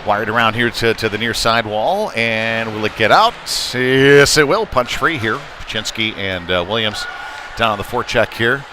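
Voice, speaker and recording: Over the background noise of an indoor hockey rink, a play-by-play man narrates a youth game from rinkside. At a normal pace and fairly low pitch, he sounds relaxed and somewhat hesitant, his voice rising eagerly each time a shot is taken.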